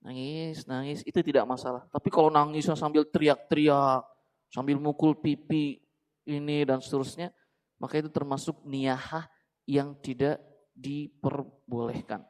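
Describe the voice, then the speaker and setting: A man leads an easygoing religious study session in a slightly higher voice. He talks to his listeners as if chatting, stops to ask them questions, and corrects himself as he goes. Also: flat delivery, normal speed, poor audio. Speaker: Islamic teacher. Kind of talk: casual religious book study.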